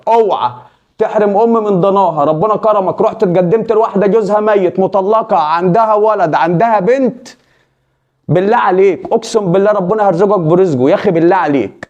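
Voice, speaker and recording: A man's voice: sits high, darkish tone, highs cut off. A man with an Egyptian accent speaking directly to viewers, pleading and preachy as he gives advice. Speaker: video creator giving advice.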